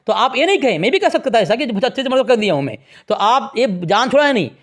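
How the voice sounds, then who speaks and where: A man's voice: very high voice, very animated. A man in a heated religious debate who insistently repeats the same demand, talking over his opponent.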